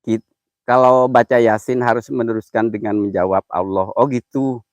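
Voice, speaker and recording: A man's voice: mid-range voice, fairly even intonation, normal speed, no room sound. Jittery man on a live stream. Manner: jittery, mutters prayers under his breath between loud chatter. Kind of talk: casual live-stream chat.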